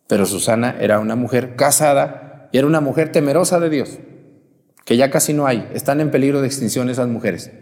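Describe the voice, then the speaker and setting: A male priest, preaching during mass in a lively, teasing way and putting questions to the congregation. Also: medium pitch, a little fast, long reverb tail. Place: church.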